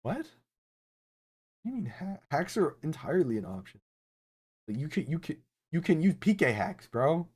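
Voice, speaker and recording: A man's voice: on the high side, sing-song, moderate pace, pauses often, a little mellow, slightly rough. A young man hosting a reaction commentary, ranting incredulously with stumbling restarts and repeated words. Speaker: online video host.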